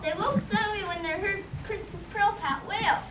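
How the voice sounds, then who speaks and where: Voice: extremely high pitch, moderate pace. A child reciting story narration in a school play. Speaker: pupil performing in a school class play. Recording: noisy, echoey school performance from far off.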